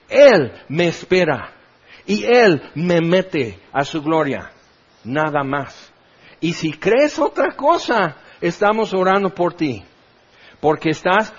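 A man's voice: sits high, husky. A middle-aged man with a Mexican accent preaching a sermon as pastor, impassioned and full of rhetorical questions. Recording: dull lo-fi recording.

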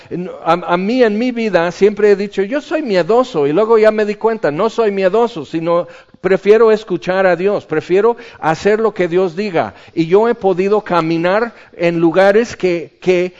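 A man preaches a sermon, his voice sitting a bit higher than most men's. He teaches in a conversational way, pausing on rhetorical questions and adding casual asides. The recording sounds dull and lo-fi. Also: darkish tone.

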